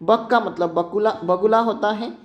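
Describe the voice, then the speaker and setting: A man's voice: sits high, moderate pace, dull audio. A man teaching an exam-prep lesson, often checking in with students and reminding them to keep points in mind.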